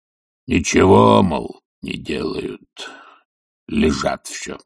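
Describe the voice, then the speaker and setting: A man's voice: rumbling low, expressive, extremely slow, vocal fry, slightly rough, no echo, clean studio sound, heavily acted. A man voicing an old, stubborn male servant who mutters sullenly, in an audiobook. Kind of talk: audiobook character reading.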